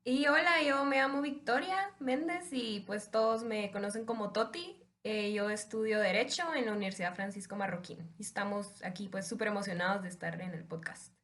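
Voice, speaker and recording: A woman's voice: medium pitch, normal speed, few pauses, a bit bright. A young woman from Guatemala, a law student guest, explaining earnestly and at length in a casual podcast chat. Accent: Guatemalan Spanish. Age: young adult.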